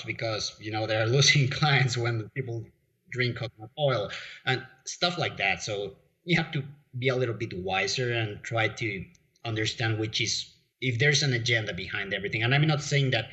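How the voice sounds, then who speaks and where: A man's voice: mid-range voice, pushed and bright. A man from Mexico, a guest in a casual interview, rambling with lots of fillers and restarts. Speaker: podcast guest. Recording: dull lo-fi audio.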